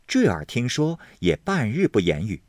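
A man's voice: medium pitch, wildly swooping pitch, moderate pace, no room sound, clean studio sound. A man narrating a classic novel expressively, voicing every character himself. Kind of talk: storytelling reading of a classic novel.

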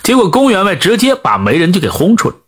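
A man telling a folk tale in an animated, conversational storytelling manner. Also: high voice, quick pace, slightly rough.

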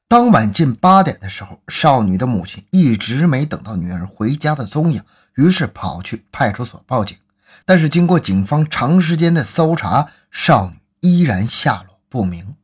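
Husky man narrating grave crime stories. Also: mid-range voice. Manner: measured, grave storytelling. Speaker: storytelling podcast host. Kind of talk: true-crime story narration.

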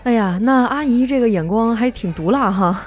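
A woman's voice: on the high side, normal speed, darkish tone, faint music behind. A woman hosting a show, reading out listeners' jokes and answering them with playful, teasing, self-mocking banter. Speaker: radio-style host reading listener jokes. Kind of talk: comedic joke reading and banter.

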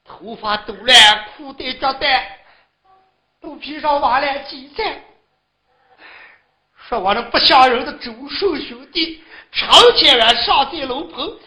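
A woman's voice: high voice, measured pace, long pauses, roomy sound, lo-fi sound. A woman voicing a hot-tempered young man who sobs and protests he is wronged, in Shaanbei storytelling. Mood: aggrieved. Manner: wailing, sobbing protests. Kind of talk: Shaanbei storytelling role-play.

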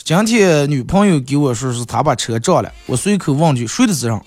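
A man hosting a show, telling funny listener stories in a lively way and jumping into high put-on voices for quotes. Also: a little fast, soft background music. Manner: animated, jumps into high-pitched voices for quotes. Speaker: host reading listener stories. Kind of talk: comic storytelling.

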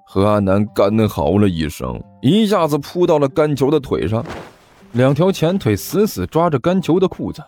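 A male storyteller reading a comic tale with a playful edge, his pitch ranging very widely. Soft music runs under the narration. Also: sing-song, moderate pace. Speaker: audiobook narrator.

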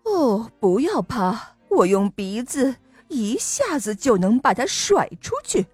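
A woman voicing a big boastful elephant who panics easily, with slow, drawn-out boasting. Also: fairly high pitch, big pitch swings, darkish tone, breathy edge, no echo, soft background music, exaggerated voice.

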